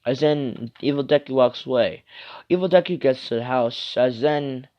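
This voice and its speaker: A man's voice: mid-range voice, moderate pace. A man reading an improvised fan story aloud, rambling with many asides and fillers. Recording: muffled lo-fi recording.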